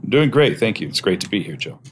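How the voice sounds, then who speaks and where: A man's voice: lowish voice, big pitch swings, quick pace, husky, faint music behind. A middle-aged man explaining things casually as an expert guest on a podcast. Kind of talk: casual explanatory interview talk.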